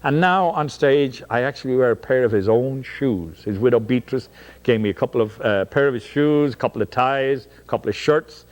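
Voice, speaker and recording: Chatty Dublin Irish actor, middle-aged. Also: male voice, medium pitch, expressive, normal speed. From Ireland. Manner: chatty, anecdotal, with frequent um and uh restarts. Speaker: stage actor interviewed as guest. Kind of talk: casual interview talk.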